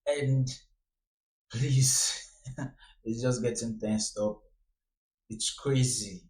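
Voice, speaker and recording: A man talks straight to his viewers in a casual, earnest way and keeps pleading with them to be careful. His voice sits at an ordinary middle pitch. The sound rings off the walls of an echoey room. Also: steady tone, extremely slow, darkish tone. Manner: earnest, repeating pleas to be careful. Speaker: vlogger giving a warning. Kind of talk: casual direct-to-camera commentary.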